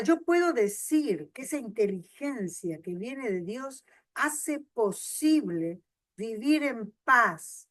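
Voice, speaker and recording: A woman pastor delivers a sermon in a fairly high voice. She swings between loud, stretched emphasis and soft, hushed asides. The sound is close and dry, with no room echo.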